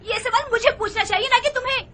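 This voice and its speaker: A proud, reproachful wife. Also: female voice, very high-pitched, steady tone, fast, slight background noise. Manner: sharp, reproachful. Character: proud exasperated wife and mother. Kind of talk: dubbed historical drama.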